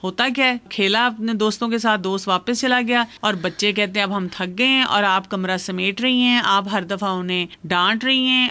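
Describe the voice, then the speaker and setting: A woman with a mid-range voice appears as an expert guest on a radio program. She calmly explains parenting advice, drawing on everyday examples.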